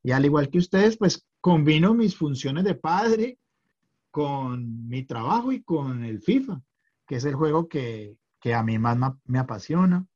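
A man's voice: on the high side, animated, measured pace, darkish tone, muffled recording. A middle-aged man chatting as a podcast guest, hesitant, with many fillers and restarts. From Colombia. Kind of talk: casual chat.

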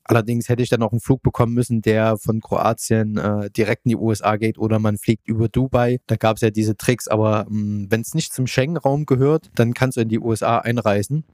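A man's voice: fairly low pitch, steady tone, brisk, few pauses, a little mellow, dry recording, clean studio sound. A man hosting a podcast, explaining news in a casual, conversational way. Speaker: podcast host.

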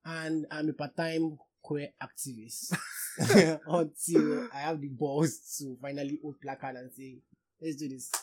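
Higher-voiced young Nigerian man, chatty podcast guest. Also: steady tone, a little slow, darkish tone. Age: young adult. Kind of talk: casual chat.

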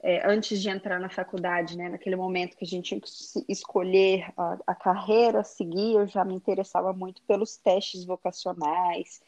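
A woman's voice: fairly low pitch, little pitch movement, moderate pace, few pauses, a little mellow. A woman in her thirties with a Minas Gerais Brazilian accent, a podcast guest chatting casually with many fillers and restarts. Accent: Brazilian Portuguese, Minas Gerais. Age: 30s. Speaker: guest, digital influencer. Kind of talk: casual interview chat.

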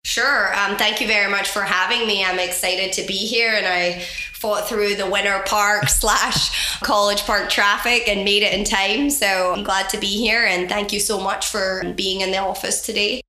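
A woman's voice: mid-range voice, fairly even intonation, moderate pace, pushed and bright. A woman from the west coast of Scotland with a Scottish accent and a cold, earnestly telling her story as a podcast guest. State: has a cold. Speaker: guest, charity founder. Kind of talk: conversational interview. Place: office. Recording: roomy office recording.

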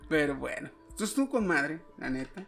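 A man's voice: on the high side, expressive, brisk, creaky, loud music behind the voice. A man with a Mexican Spanish accent chatting casually, slangy and swearing a lot as he tells stories, putting on other people's voices. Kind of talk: casual chat.

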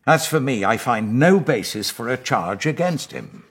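A man's voice: medium pitch, big pitch swings, a little slow, a bit bright, husky, voice pushed up, full character voice. A man voicing a commanding but uneasy Roman governor in a dramatised scripture audiobook, emphatic and questioning. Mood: exasperated, insistent.

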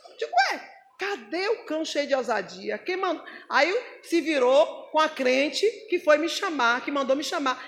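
A woman preacher, telling a testimony in a lively, mocking way and acting out the voices she quotes. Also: high-pitched, moderate pace. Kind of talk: sermon with testimony.

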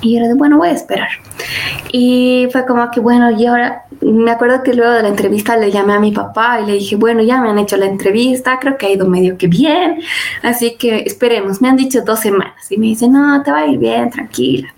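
A fairly high, somewhat dark voice belongs to a young Spanish-speaking woman appearing as a podcast guest. Talking a little fast, she tells stories casually, sprinkling in fillers and quoted remarks.

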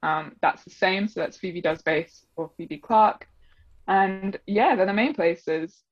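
Speaking slowly at a medium pitch, this young woman is a guest on a casual interview, a double bass player whose accent blends Australian and English. She fills her talk with fillers and laughs. The audio is dry with no echo, dull and slightly muffled.

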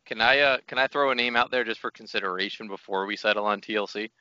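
A man co-hosting a casual podcast chat, measured and calm as he makes his case. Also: lowish voice, clean tone, no room sound. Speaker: podcast co-host. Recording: slightly dull podcast audio.

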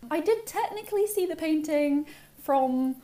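A woman's voice: high-pitched, lively intonation, a little slow, dark tone. A young woman co-hosting a podcast, chatting in a wry, easygoing way. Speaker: podcast co-host. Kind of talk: casual chat. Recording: echoey room with faint music.

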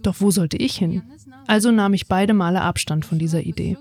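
A woman in her twenties from Ukraine, calmly reading her own first-person story in a reflective voice. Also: lowish voice, a little fast. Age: 20s. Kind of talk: read first-person testimony.

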